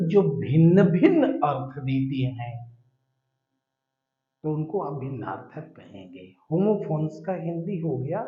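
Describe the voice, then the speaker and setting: A man's voice: on the high side, a little mellow. A man teaching a vocabulary lesson, explaining terms patiently, repeating words and spelling them out letter by letter. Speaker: English teacher. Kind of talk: classroom-style explanation of vocabulary. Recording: echoey, dull lo-fi room.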